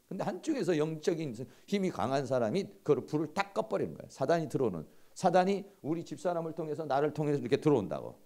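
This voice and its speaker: A middle-aged man giving a seminary lecture in a conversational, animated way, acting out everyday quarrels. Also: on the high side, gravelly.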